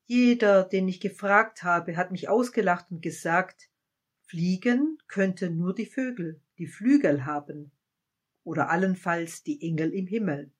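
A woman voicing an eager, curious young child in a spoken story, raising her voice high and rattling off lists with excitement. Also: measured pace, husky.

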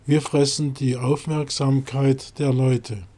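A man's voice: mid-range voice, little pitch movement, takes it slowly, mellow. A man voicing a grumbling, stubborn sheep in a storybook nativity crib, defiant and complaining.

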